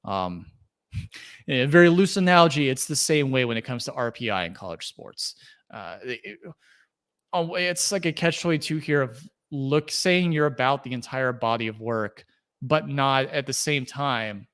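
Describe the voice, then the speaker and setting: A young man hosts a solo sports podcast in an easy, unscripted way. His voice is smooth and clear, sitting at a middle pitch. He thinks aloud, with plenty of fillers and restarts. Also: animated, normal speed, fairly bright tone. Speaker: podcast host. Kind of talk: casual solo podcast commentary.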